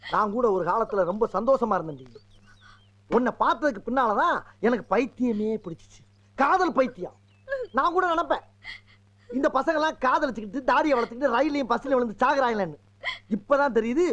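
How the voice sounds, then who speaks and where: A man's voice: very high voice, fairly bright tone, muffled recording. An actor playing a boastful, lovesick village man who rants in rambling, mock-threatening comic outbursts. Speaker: comic lead in a film. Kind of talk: film comedy dialogue.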